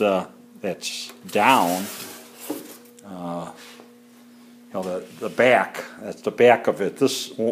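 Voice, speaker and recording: In this casual garage walkthrough shot on a handheld phone, a home mechanic talks through a tool review with no script, plenty of fillers, and a matter-of-fact tone. His voice sits on the low side, and the recording carries a little hiss or hum.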